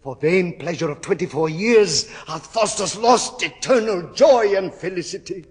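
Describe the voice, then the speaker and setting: A doomed scholar in torment, as an actor plays him, delivered with the sweep of classical stage drama. His voice is husky and swings widely in pitch, dropping to hushed whispers and rising to anguished cries. The words come slowly and linger in a long hall reverb. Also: expressive, exaggerated voice.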